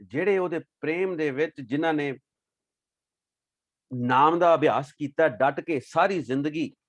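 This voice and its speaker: A man giving a devotional talk on scripture, reciting verses slowly and then explaining them in a lively way. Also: on the high side, dry recording. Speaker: Sikh scripture teacher.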